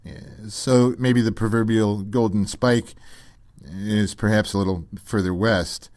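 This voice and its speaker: A man with a fairly low, natural-sounding voice takes his time portraying a gentle, self-important radio co-host who fancies himself an intellectual in a comedy sketch. Deadpan and deeply hesitant, he stammers through wordy, musing thoughts, and there's no room sound.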